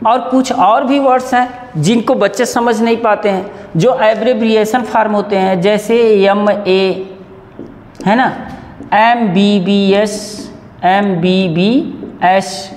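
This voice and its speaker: A man teaching English grammar to exam students, repeating each example word slowly and sometimes correcting himself. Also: sits high, a little mellow. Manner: drawn-out repetition of example words; corrects himself mid-explanation. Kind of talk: classroom grammar lesson. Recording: echoey room with long reverb.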